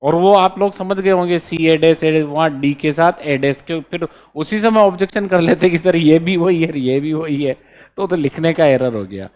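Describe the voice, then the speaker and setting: Guy teaching an exam prep class, slightly high voice, keeps asking if everyone's got it. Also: normal speed, a little mellow. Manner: keeps checking in with students, repeats key points; drills memory codes letter by letter. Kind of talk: classroom lecture.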